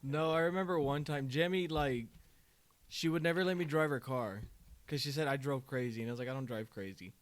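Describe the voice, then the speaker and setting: A man's voice: mid-range voice, a little fast. A young man co-hosting a casual podcast, telling stories with lots of acted-out quotes and laughter. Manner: animated storyteller, acts out quoted voices, laughs often. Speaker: podcast co-host. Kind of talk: casual storytelling chat.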